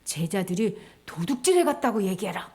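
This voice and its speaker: A woman voicing a worried, scheming male high priest in a Bible story for children. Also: sing-song, normal speed, dark tone.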